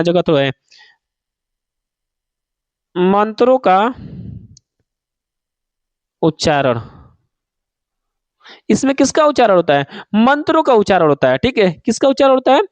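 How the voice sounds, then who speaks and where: Male Hindi tutor, very high pitch, dry close sound, drills students with repeated questions. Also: big pitch swings, a little slow, pauses often, dry recording, dull audio. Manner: asks students questions and answers them himself; calls students "babu", repeats key points. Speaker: Hindi teacher. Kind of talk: online exam-prep class.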